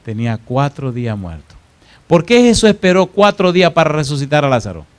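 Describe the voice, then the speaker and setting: A man preaching a sermon in church, telling a story with dramatic swings between loud and hushed delivery and questions to the congregation. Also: fairly high pitch, big pitch swings, a little fast.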